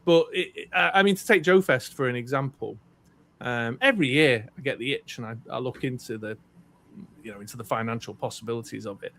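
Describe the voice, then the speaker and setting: Speaking fairly quickly in a creaky, fairly bright mid-range voice, this North Wales man co-hosts a podcast. His casual, British-accented chat rambles along with many ums and restarts from this middle-aged speaker.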